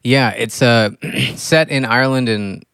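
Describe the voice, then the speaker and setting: A man's voice: mid-range voice, unhurried, a bit bright, clean tone, dry recording. A man hosting a podcast, talking casually about films in conversational style. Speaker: podcast host. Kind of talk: casual film discussion.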